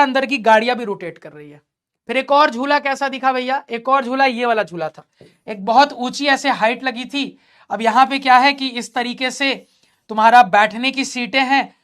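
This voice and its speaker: A male math teacher telling a story during a lesson, lively and teasing, laughing often. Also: very high-pitched.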